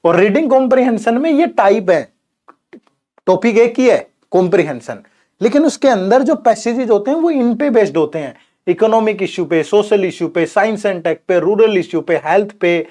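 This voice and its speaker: A man's voice: high-pitched, lively intonation, moderate pace, darkish tone. A young man teaching an exam prep lesson in casual Hindi, who keeps saying "theek hai" and "yaar". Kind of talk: informal Hindi lecture.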